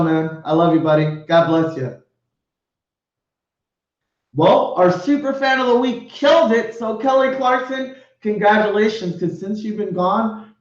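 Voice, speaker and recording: Over echoey, lo-fi stream audio, a high-voiced male host chats with guests on a casual live show at an unhurried pace. He is effusive, laughing and swearing as he talks.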